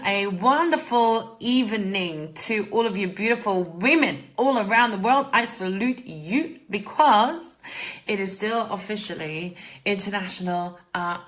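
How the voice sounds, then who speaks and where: A German-born mindset coach, a native German speaker whose accent mixes English and Australian, hosts a casual livestream and greets her viewers. Her voice is medium-pitched and fairly bright, and she chats informally with a bit of swearing.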